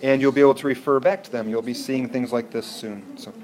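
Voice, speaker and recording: A man's voice: medium pitch, steady tone, fairly quick, a little mellow. A man teaching an algebra class in a classroom, explaining step by step and often checking whether students follow. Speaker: math teacher. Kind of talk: classroom lecture.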